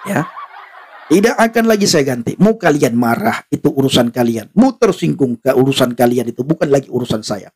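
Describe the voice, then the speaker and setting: Gravelly defiant male live-stream preacher. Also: mid-range voice, darkish tone. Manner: defiant, repetitive preaching with laughs.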